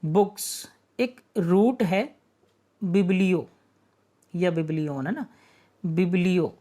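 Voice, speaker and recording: A man's voice: high voice, slow pace, mellow. A male teacher walks students through an online exam-prep vocabulary lesson. He explains each word patiently, poses rhetorical questions and answers them himself, and keeps checking that his students are following along.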